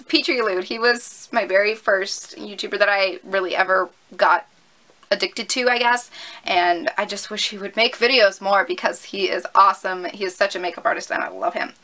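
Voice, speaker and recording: A woman's voice: mid-range voice, pushed and bright, low-quality recording. A woman of twenty-one, chatty and upbeat, answering viewer questions in a casual vlog filmed at home on a camera mic. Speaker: YouTuber.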